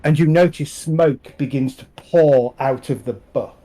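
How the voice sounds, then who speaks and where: A man running a tabletop role-playing game on stream. He narrates scenes and talks rules in a relaxed way, with pauses and fillers. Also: medium pitch, low-quality recording. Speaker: game master.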